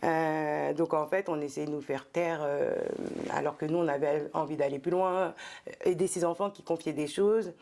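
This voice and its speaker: Low, gravelly-voiced woman, hesitant. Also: steady tone, normal speed, darkish tone, a little hiss or hum. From France. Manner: thoughtful, many hesitations and fillers. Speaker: guest, entrepreneur and former specialized educator. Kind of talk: casual interview talk.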